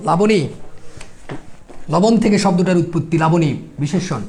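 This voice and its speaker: A woman with a Bangladeshi Bengali accent teaching English at a coaching class, firing quick rhetorical questions at her students. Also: lowish voice, warm tone, slight background noise. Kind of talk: classroom lecture.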